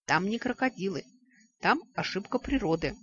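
A woman's voice: mid-range voice, lively intonation, moderate pace, a bit bright, dull audio, natural voice. A woman voicing a panicky young man clinging to a roof, pleading and whiny, in a storybook reading.

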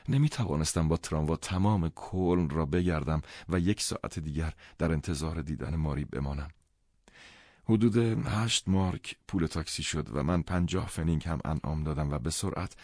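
A man narrating a novel in the first person for an audiobook, in a calm, measured reading. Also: rumbling low, dry recording.

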